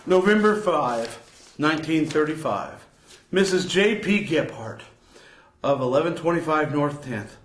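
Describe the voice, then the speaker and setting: A playful man reads old newspaper headlines with mock alarm, as if each item were a scandal. His voice is a bit high for a man. The room around him is echoey. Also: lively intonation, unhurried. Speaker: co-host. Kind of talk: reading old news with banter.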